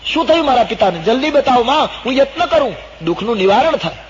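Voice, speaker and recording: A man voicing a young prince, a devoted son who pleads in a high, urgent voice. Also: normal speed, a little hiss or hum, close to an everyday voice. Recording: dull old recording in a reverberant hall.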